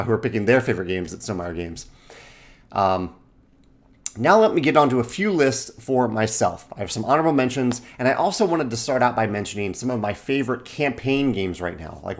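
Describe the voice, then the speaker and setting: A man in his forties who hosts a board game channel, talking casually and correcting himself as he rambles through lists of titles. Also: medium pitch. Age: 40s. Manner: rambling, self-correcting, listing titles in quick bursts. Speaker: game designer and channel host. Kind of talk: casual video monologue.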